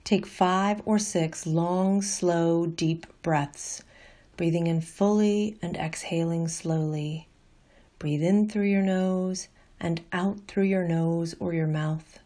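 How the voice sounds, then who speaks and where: A woman with a mellow, fairly low voice guides listeners through a meditation, reading scripted instructions in a gentle, calm way. She takes her time, walking people through each step like a teacher.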